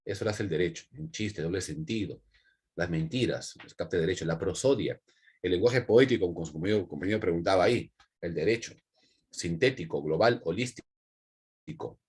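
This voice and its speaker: Husky Peruvian male teacher. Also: low voice, normal speed, a little mellow. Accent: Peruvian Spanish. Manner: repetitive, with frequent check-in tags. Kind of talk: online class lecture.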